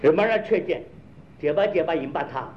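A man's voice: fairly high pitch, lively intonation, fairly quick. A man explaining a problem, repeatedly quizzing his listeners with rhetorical questions. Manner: rhetorical questions, drilling points. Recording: dull lo-fi recording with faint noise.

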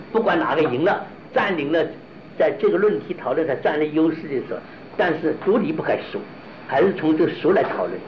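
A man whose voice is a little high for his sex lectures on Buddhist doctrine as a philosophy teacher. He speaks haltingly, often restarting phrases, and asks rhetorical questions. The recording is lo-fi and dull, with faint hissing noise.

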